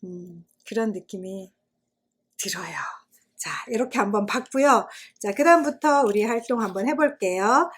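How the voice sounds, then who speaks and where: A woman's voice: medium pitch, animated, moderate pace, slightly rough. A woman, a school principal, giving an online writing lesson to children. She reads a pupil's essay aloud with expression and keeps stopping to ask the class questions.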